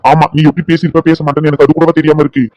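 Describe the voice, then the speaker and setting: A man voicing a blunt young doctor who scolds and teases his friend in a cartoon drama, talking in brisk bursts. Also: fairly high pitch, little pitch movement, no room sound, highs cut off, faint music behind, natural voice. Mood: scolding.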